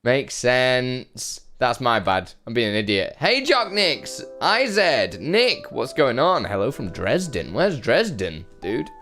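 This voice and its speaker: Man, live-stream chat, rambling, self-deprecating, mid-pitched voice, faint music behind. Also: wildly swooping pitch, takes it slowly, few pauses, bright, forceful tone. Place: his brother's home.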